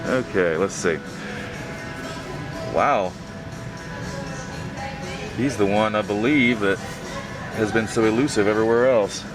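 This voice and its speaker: A man hosting a toy-hunting vlog comments casually and haltingly off the cuff while browsing inside a large store. His voice is lowish, with music playing in the background.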